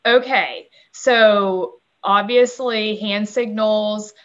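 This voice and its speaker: On her parenting podcast, this host speaks at medium pitch with fairly even intonation and drawn-out words, in a muffled recording. Warm and affirming toward her guest, she fills the casual interview with plenty of fillers.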